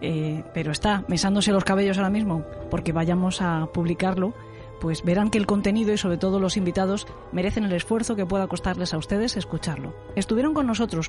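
Music plays under a woman with a Spain Spanish accent. She speaks at a medium pitch as a podcast host giving a prepared introduction. Her delivery is formal and courteous throughout. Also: darkish tone.

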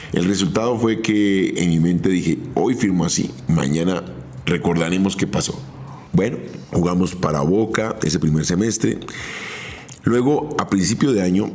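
A middle-aged man with a Colombian accent, a former footballer telling his own career story in a measured, step-by-step podcast monologue. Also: low-pitched, a little mellow, slight background noise. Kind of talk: first-person podcast storytelling.

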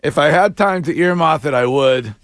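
A man's voice: fairly high pitch, moderate pace, no room sound. A man hosting a morning radio show, joking and reading out listener texts. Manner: joking, self-deprecating, reads listener texts. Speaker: radio host.

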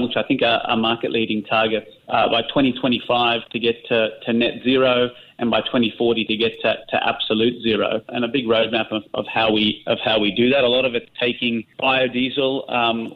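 A middle-aged Australian man answering interview questions as a chief executive, often repeating words as he restarts his sentences. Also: mid-range voice. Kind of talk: business interview. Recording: slightly muffled, narrow phone-like line.

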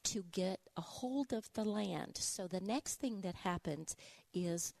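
A woman's voice: medium pitch, lively intonation, slow, gravelly, a little mellow, dry recording. A woman with an Arkansas accent explaining history conversationally in an interview, step by step like a teacher checking that the listener follows. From Arkansas, United States. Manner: didactic, step by step, with check-in questions. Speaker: guest explaining local history.

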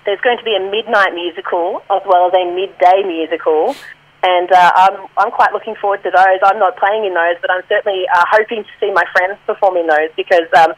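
A woman's voice: mid-range voice, fairly even intonation, fairly quick, dry recording, rough recording. Chatty woman improviser. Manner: friendly and chatty, laughs easily. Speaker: improv performer guest. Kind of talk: casual interview chat.

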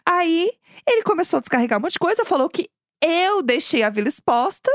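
Young woman, high voice, dry close sound, lively storyteller, casual podcast co-host. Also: a little fast, dry recording. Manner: animated storyteller acting out quoted voices.

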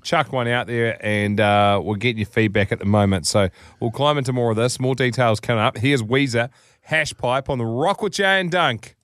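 A man's voice: mid-range voice, moderate pace, a bit bright, dry recording. A man hosting a radio show with casual, blokey banter and colloquial, laid-back phrasing in a studio. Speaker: radio host.

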